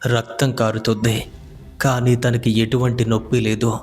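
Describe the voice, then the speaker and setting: A man narrating a scripted horror story in a measured, even storytelling manner. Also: medium pitch. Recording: faint music behind the voice.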